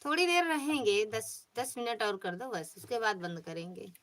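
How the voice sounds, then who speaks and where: A woman's voice: mid-range voice, normal speed, a bit bright, a little hiss or hum. A woman host, chatting casually on a phone livestream, greeting viewers by name and coaxing them. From Pratapgarh, Uttar Pradesh. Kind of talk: casual livestream chat, reading viewer comments.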